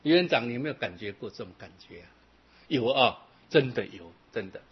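A man giving a Buddhist sermon to a live audience. He talks in a lively, conversational way and slows down for drawn-out scripture recitation. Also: mid-range voice, breathy edge. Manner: animated and conversational, often adding "对不对". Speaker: Buddhist dharma teacher. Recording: dull lo-fi recording.

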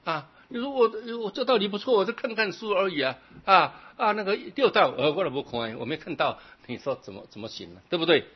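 A man preaches a Buddhist sermon in a husky, slightly high voice that leaps up and down with animation. He keeps it conversational, checking in with his listeners, then slows into long, drawn-out recitation of verses. The recording is dull and lo-fi. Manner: animated and conversational, often adding "对不对". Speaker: Buddhist dharma teacher. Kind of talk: sermon to a live audience.

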